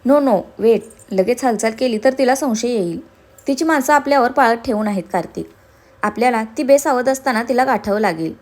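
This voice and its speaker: A woman's voice: on the high side, a little fast, a little mellow, natural voice. A woman voicing a confident, teasing young man in a storybook reading. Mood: determined. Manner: playful, teasing.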